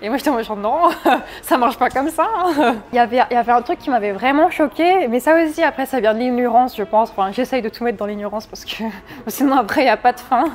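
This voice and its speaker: She's a fast talker with a voice on the high side: a French woman in her twenties, candidly chatting as a guest in an informal interview and repeatedly restarting what she says.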